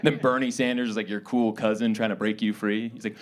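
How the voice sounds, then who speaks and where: A young man from suburban New York doing a stand-up set on a theater stage, animated and breaking into high-pitched character voices. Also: a little fast. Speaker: stand-up comedian.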